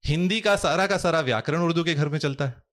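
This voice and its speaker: Measured man explaining in formal Hindi. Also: a little high, a bit bright. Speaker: guest scholar. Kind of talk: podcast interview.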